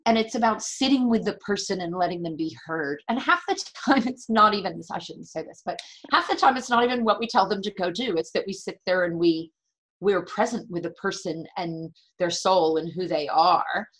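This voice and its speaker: A woman speaks as an interview guest in a slightly low voice. She explains things earnestly and conversationally, repeating key words for emphasis. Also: normal speed, rough recording. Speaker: interview guest, natural medicine practitioner and medical astrologer.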